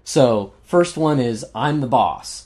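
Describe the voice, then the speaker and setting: On a relaxed podcast where he co-hosts board game reviews, this man talks slowly in a medium-pitched, darkish voice with lively intonation. He runs through game details enthusiastically, full of fillers and frequent laughter, and says his voice is going.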